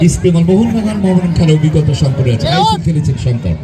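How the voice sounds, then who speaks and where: A man calls a football match live in a frantic, exclamatory way. His voice is fairly high, and he works outdoors over a very loud crowd. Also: sing-song, racing. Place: outdoors at a local football ground. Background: loud crowd, outdoor urban noise.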